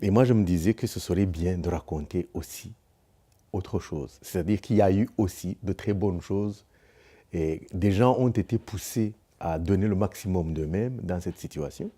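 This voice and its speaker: Grave philosophical man, very low husky voice, slow testimony. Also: mellow. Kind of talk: reflective testimony.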